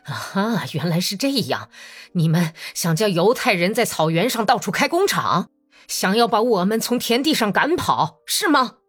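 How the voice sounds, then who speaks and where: A woman reading an audiobook voices a quarrelsome middle-aged Cossack man who shouts in a shrill, snarling voice. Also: big pitch swings, measured pace, long pauses, breathy edge, exaggerated voice. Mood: shrill fury.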